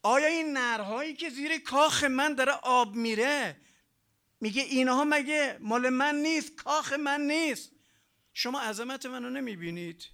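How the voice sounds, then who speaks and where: A man voicing a proud, defiant ancient king who shouts haughty questions. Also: extremely high pitch, pitched above the performer's own voice, exaggerated voice. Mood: boastful.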